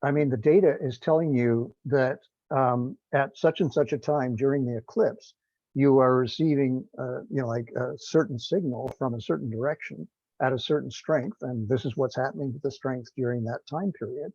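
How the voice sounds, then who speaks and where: On a dull, dry, lo-fi conference call, a man with a medium-pitched, warm voice speaks at normal speed, with no room sound. He isn't a scientist but a project participant in the group technical call, and his informal talk is hesitant, rambling and self-deprecating.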